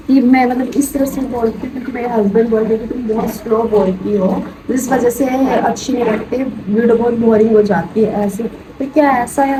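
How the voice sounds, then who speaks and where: Young woman rambling on while she cooks, lots of filler words, bit high voice, noisy phone mic in the kitchen. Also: a little mellow. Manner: rambling, talkative, peppers speech with "matlab" and "yaar". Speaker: vlogger. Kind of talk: casual chatty cooking vlog. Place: home kitchen. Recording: noisy phone recording with room ambience.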